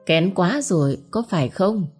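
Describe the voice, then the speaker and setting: A woman voicing a nosy village gossip who talks loudly on purpose, in a storybook reading. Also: fairly low pitch, expressive, a little slow, husky, soft background music. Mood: mocking gossip.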